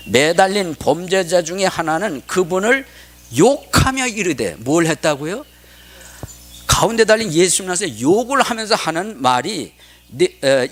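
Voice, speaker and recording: A male pastor preaching a sermon, asking the congregation questions and answering himself. He reads scripture in a raised, slowed voice and drops to a whisper for emphasis. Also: a little high, a bit bright.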